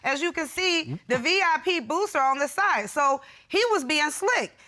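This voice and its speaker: A woman's voice: high-pitched, expressive, moderate pace, sharp tone. A woman testifying in a TV court as a business owner, assertive and argumentative.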